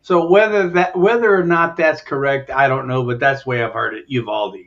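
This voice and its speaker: A man's voice: a little high, fairly even intonation, a little fast, fairly bright tone, lo-fi sound. A man from Texas calling in to a livestream, a bit tipsy after a few beers, talking casually and emphatically. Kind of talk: casual call-in chat.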